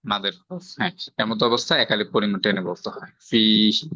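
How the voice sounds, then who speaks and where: Here a man's fairly low, sharp voice moves at a quick pace as he teaches tajweed, the rules of Quran recitation, in his Bangladeshi Bengali accent. He is patient and methodical, explaining each step and questioning his student, often rhetorically, to confirm understanding. The sound is dry, lo-fi and slightly dull.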